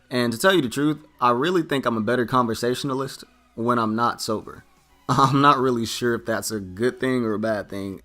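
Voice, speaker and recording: A young man in his late teens or early twenties, a vlogger telling a story casually and acting out what people said. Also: mid-range voice. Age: young adult. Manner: animated, quoting himself and others in dialogue.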